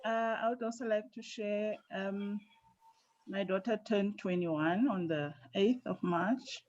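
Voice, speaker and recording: A woman's voice: medium pitch, slow, a little mellow. A woman speaking as a participant in a meeting. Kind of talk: personal update in a meeting. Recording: dull lo-fi online meeting audio.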